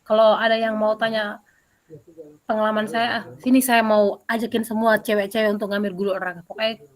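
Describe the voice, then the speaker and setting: A woman PE teacher answering interview questions over a video call, telling a story in an animated way with many fillers. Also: mid-range voice, a little fast.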